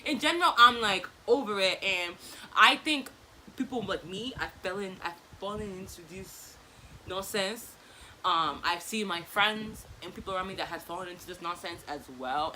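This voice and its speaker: A woman's voice: medium pitch, bright, forceful tone, a little hiss or hum, rough recording. A woman, chatting casually and animatedly in slangy bursts while she does her makeup. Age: 20s. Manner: talking distractedly while applying makeup. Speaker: vlogger. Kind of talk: casual get-ready-with-me chit chat.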